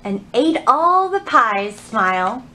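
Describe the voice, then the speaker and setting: Indoors at a library, a children's librarian in her thirties reads to kids in an animated, expressive way, addressing them directly. Her pitch is fairly high and her pace slow, with a little hiss or hum.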